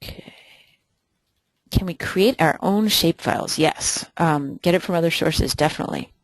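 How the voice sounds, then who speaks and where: Answering viewers' questions in a webinar while demoing software live, the instructor sounds hesitant, pausing often as they think aloud. Pitch is medium, and there is no echo.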